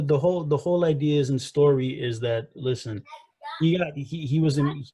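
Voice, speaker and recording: Husky, rambling wrestling podcast man. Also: medium pitch, poor audio. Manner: animated, full of restarts and acted-out quotes. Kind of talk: casual debate chat.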